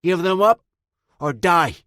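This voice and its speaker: A man's voice: high voice, expressive, slow pace, a bit bright, no echo, studio quality, pitched above the performer's own voice, heavily acted. A man voicing a drunk street thug who slurs his menacing demands in a raised, strained voice in an audiobook. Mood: threatening.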